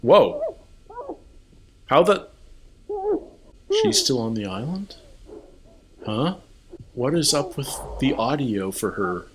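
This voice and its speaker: A man hosting a reaction video, excitedly questioning what he sees on screen. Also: mid-range voice, slow pace, long pauses, crowd noise. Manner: excited, full of questions and exclamations. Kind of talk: first-time viewing reaction.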